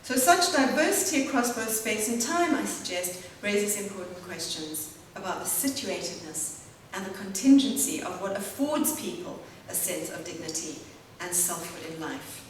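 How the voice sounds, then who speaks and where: A woman's voice: mid-range voice, expressive, moderate pace, hardly any pauses. A woman giving an academic lecture, reading from a prepared text and adding spoken asides. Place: lecture hall. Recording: very echoey hall, distant mic, faint hum.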